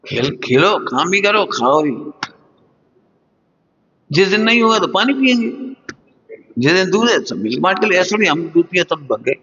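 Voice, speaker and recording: Middle-aged guy giving a sermon to students, kinda high voice, chatty and fatherly, echoey hall with a long reverb. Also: creaky, a bit bright, lo-fi sound. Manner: homely, conversational, addresses listeners as children. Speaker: religious teacher.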